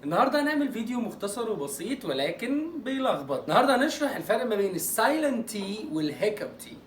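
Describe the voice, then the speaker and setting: A man with an Egyptian Arabic accent teaching English pronunciation in an online lesson. He jokes playfully and draws out example words slowly. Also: sits high, big pitch swings, echoey room, recorded from a distance, slight background noise.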